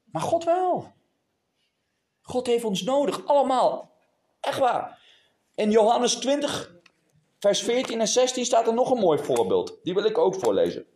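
A man preaching a passionate sermon to a congregation, dropping to a hush and then rising to a near shout. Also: very high voice, very animated, moderate pace. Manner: passionate, swings from hushed to raised. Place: church hall before a congregation.

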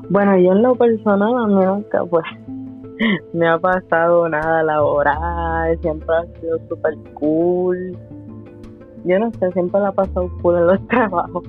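A relaxed host chatting easily and laughing now and then. The voice sits in a middle range and comes through a thin, phone-like line. Faint guitar plays underneath. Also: medium pitch, measured pace. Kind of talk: casual chat.

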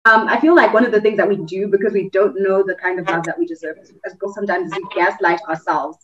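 A young woman, talking in a reflective, casual way as a podcast co-host and mimicking others in high voices. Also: steady tone, fast, over music. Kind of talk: casual chat. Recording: muffled, distant mic.

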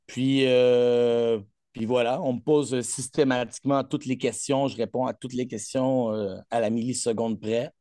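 A man's voice: medium pitch, steady tone, measured pace, dark tone, dry recording, clean studio sound. A man with a Québécois accent, a coach chatting in an interview, boastful and rambling with many fillers. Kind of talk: casual interview chat.

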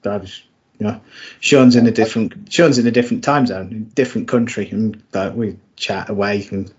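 A man's voice: on the low side, moderate pace. A middle-aged man co-hosting a podcast, chatting in a friendly way and calling people mate. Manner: friendly, says "mate" a lot. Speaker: podcast co-host. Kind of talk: casual chat. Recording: dull lo-fi sound.

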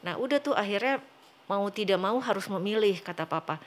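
Quick-talking woman, 40s, telling her story to interviewers, does everyone's lines herself. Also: medium pitch. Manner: animated, acts out quoted dialogue. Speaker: interview guest. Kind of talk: personal storytelling in conversation.

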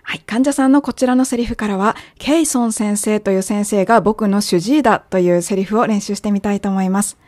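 Woman, native Japanese, English teacher, clear patient explainer, dry close mic. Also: medium pitch, a little fast, hardly any pauses, darkish tone, no room sound. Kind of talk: language lesson narration.

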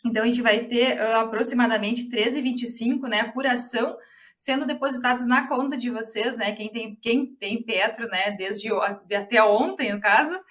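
A woman's voice: a little high, normal speed, a bit bright. A woman with a Rio Grande do Sul accent giving live market commentary as a chart analyst, chatty and often addressing viewers directly. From Rio Grande do Sul, Brazil.

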